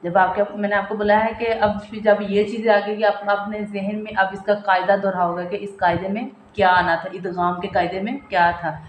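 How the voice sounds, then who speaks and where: A woman teaching a step-by-step recitation lesson, asking and answering her own questions and stretching each example out slowly. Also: mid-range voice, little pitch movement, echoey room, a little hiss or hum, rough recording. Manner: repeats examples slowly and drawn out.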